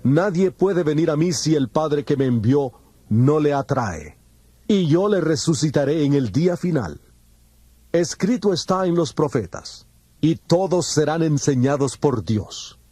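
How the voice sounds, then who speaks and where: A man playing Jesus as a solemn teacher, speaking in a measured, declamatory way in a dramatized scripture reading, with music behind him. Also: a little high, expressive, mellow, no echo. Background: background music.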